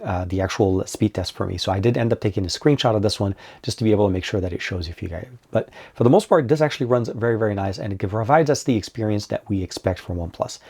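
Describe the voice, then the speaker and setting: Fast-talking husky man reviewing tech. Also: on the low side, warm tone. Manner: upbeat and informal, addresses viewers as you guys. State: getting over a cold. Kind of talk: product review vlog.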